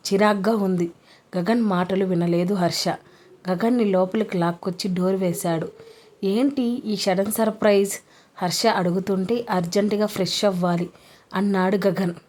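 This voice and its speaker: A woman's voice: mid-range voice, a little mellow. Woman storyteller, mid-range voice, reads a romance and speaks all the roles herself. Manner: reads all the characters' lines in her own voice.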